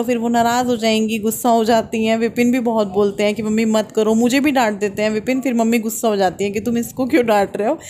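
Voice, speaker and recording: A woman's voice: mid-range voice, a little mellow. Woman, 30s, Uttarakhand Hindi accent, casual vlogger who rambles and restarts sentences; faint hiss. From India. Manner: chatty, explaining at length, restarts mid-sentence. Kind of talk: casual vlog voice-over.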